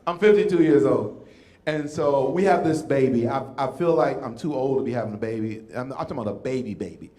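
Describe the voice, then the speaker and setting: A man in his fifties performs a stand-up set on a comedy club stage before a live audience. He tells animated stories and acts out voices, speaking fairly quickly at medium pitch, and the room is echoey.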